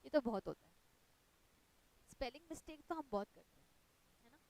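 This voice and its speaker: A woman's voice: high-pitched, expressive, fairly quick, gravelly, darkish tone, poor audio. A woman with an Indian accent teaching an online exam-prep lecture, explaining patiently in mixed Hindi and English and checking in with "right?".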